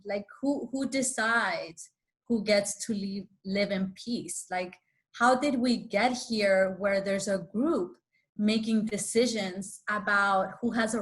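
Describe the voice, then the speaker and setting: A woman from Chile speaking as a panelist, earnest and reflective, with fillers and the odd soft laugh. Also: mid-range voice, a little slow. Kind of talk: panel discussion.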